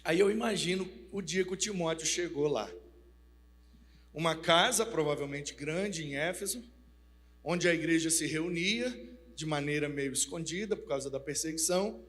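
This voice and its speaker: Brief: man preacher, folksy and animated, high voice, hall reverb. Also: normal speed. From Minas Gerais, Brazil. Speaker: pastor. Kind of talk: storytelling sermon. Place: large church hall. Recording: reverberant church hall, mains hum.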